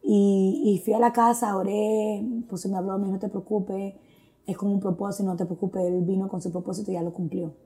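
A woman's voice: medium pitch, level tone, fairly quick, mellow. A woman telling a personal faith testimony in an earnest, reflective way, mixing in English phrases. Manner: mixes Spanish with English phrases; earnest, reflective, with frequent fillers. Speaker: guest sharing a testimony.

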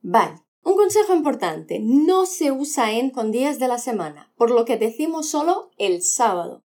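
A woman with a high voice teaches a podcast language lesson, and her pitch swings widely as she talks. She is patient and models words slowly for the listener to repeat. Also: very animated, a little mellow. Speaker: Spanish teacher.

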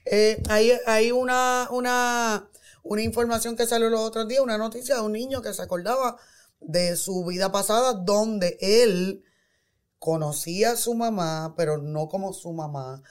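A woman, co-hosting a casual podcast chat, explaining ideas eagerly and asking quick questions. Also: mid-range voice. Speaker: podcast co-host.

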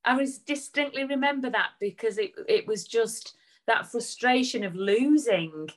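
A woman's voice: on the high side, a little slow. A woman chatting casually as co-host, rambling into anecdotes. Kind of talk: casual chat.

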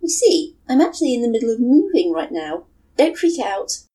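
A woman's voice: fairly high pitch, very animated, normal speed, voice pushed up. A woman voicing a bubbly, apologetic young woman talking on the phone. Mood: cheerful. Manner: bright, eager, self-deprecating.

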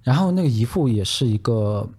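A man's voice: mid-range voice, expressive, brisk, darkish tone, breathy edge. A man co-hosting a podcast, telling a story in a rambling way, often correcting himself as he goes. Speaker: podcast co-host. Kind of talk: casual chat.

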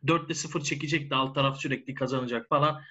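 A man's voice: mid-range voice, fairly even intonation, quick pace, sharp tone, dull audio. A man in a casual sports discussion, explaining his points as a commentator and repeating phrases for emphasis. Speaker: football commentator.

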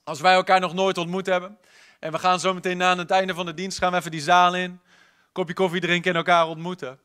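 Bright-voiced preacher man, impassioned. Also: sits high, flat delivery, fast, clean tone. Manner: impassioned, swinging from loud to hushed. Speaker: pastor. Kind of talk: sermon. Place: church service.

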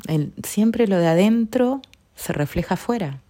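A middle-aged woman with a Rioplatense Spanish accent hosts a podcast, speaking in a mid-range, expressive, mellow voice at an unhurried pace. Her personal talk is earnest and reflective, and it often sinks almost to a whisper.

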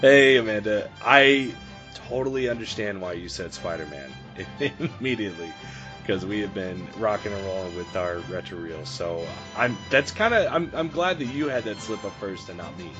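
Upbeat low-voiced man, very animated intonation. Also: moderate pace, over music. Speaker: podcast co-host. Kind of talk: casual chat. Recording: slightly dull, compressed audio.

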